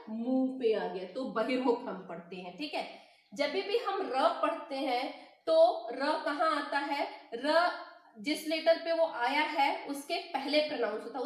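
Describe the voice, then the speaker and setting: Woman teacher with a high voice, slow and patient at the board, recorded in a very echoey room. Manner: patient, repeats each step with "ठीक है"; spells out letters slowly. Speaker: Hindi teacher. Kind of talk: whiteboard grammar lesson.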